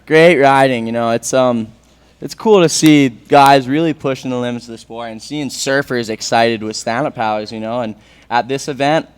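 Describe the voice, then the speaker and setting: A man's voice: medium pitch, moderate pace, clean tone. A man giving live sports commentary on a surf contest, explaining things in a conversational way.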